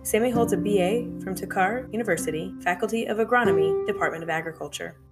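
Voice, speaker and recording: A woman hosting an interview podcast, reading a prepared introduction in a clear, measured way and then asking questions. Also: medium pitch. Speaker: podcast host. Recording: music bed under the intro.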